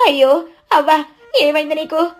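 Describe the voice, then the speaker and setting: A woman's voice: high voice, fairly even intonation, soft background music, voice pushed up, close to an everyday voice. A woman doing an anxious young village wife. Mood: alarmed. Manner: anxious, fast, urgent. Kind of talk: storybook narration.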